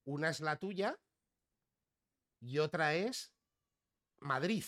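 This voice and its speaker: A man's voice: on the high side, animated, moderate pace, fairly bright tone. A male podcast host interviewing a guest, curious and chatty, often restarting his words. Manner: curious, stammering restarts, storytelling. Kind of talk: casual interview chat.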